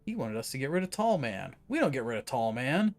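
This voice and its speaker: A man's voice: medium pitch, big pitch swings, fairly quick. A man streaming a horror game, giving casual commentary with wry asides. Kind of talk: gameplay commentary.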